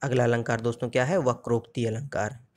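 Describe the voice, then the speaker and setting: A man teaching an exam-prep grammar lesson in a mid-range voice that sits at an ordinary height for a man. He explains each point step by step, puts questions to his listeners and answers them himself. When he quotes verse, he slows down and recites it deliberately. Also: mid-range voice, steady tone. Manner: recites verse examples slowly.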